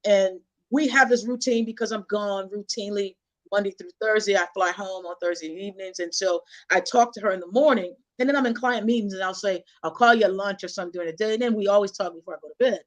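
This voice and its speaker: A woman's voice: mid-range voice, fast. A woman author as a guest in a casual interview, telling stories in a chatty, conversational way. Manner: chatty, conversational, animated storyteller.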